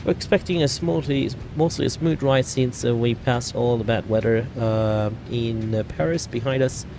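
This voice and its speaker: A man's voice: medium pitch, fairly even intonation, creaky, background noise, pitched above the performer's own voice, close to an everyday voice. A man playing an airline captain making a cabin announcement, with many hesitations. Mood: polite. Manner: hesitant, halting, filled with "uh". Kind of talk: mock pilot announcement on a flight sim stream.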